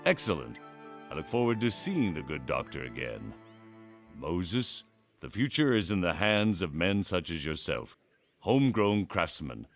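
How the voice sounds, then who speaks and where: A grave, dignified colonial officer for a history cartoon. The voice sits low and moves expressively, with formal, stately phrasing. Prominent music plays behind it. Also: male voice, very animated, measured pace, full character voice. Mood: gracious, formal. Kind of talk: animated history cartoon acting.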